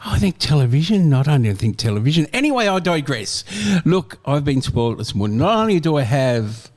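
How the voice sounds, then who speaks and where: A man's voice: on the high side, big pitch swings, a little fast, a little mellow. A man hosting a radio show, rambling and joking in a casual way. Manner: rambling, jokey, hesitant. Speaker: radio host. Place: radio studio.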